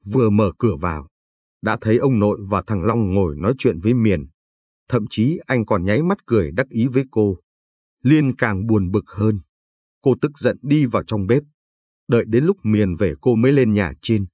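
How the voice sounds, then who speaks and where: A male storyteller reading a late-night tale in a calm, even manner. His voice sits low and comes out somewhat breathy. The sound is dry and close. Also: moderate pace, no room sound.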